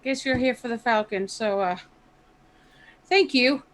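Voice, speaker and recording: A woman playing jumpy, gullible human guards in a tabletop game, with halting, startled questions. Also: mid-range voice, a bit bright, close to an everyday voice. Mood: relieved.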